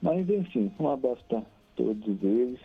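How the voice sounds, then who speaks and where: Husky Brazilian man on a crackly phone line. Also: mid-range voice, big pitch swings, normal speed. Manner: cheerful and chatty, laughs often, reels off long lists of names. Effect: crackly phone line that keeps cutting out. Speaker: caller to a radio show. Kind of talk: casual chat and shout-outs on air. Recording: tinny phone line with faint music.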